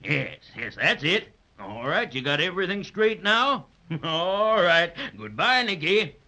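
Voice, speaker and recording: A man's voice: fairly high pitch, very animated, unhurried, sharp tone, slight background noise, heavily acted. An actor playing Santa Claus as a kindly, folksy, reassuring old man in a 1930s children's radio play. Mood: kindly, busy. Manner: avuncular, soothing, folksy. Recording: dull lo-fi 1930s radio recording.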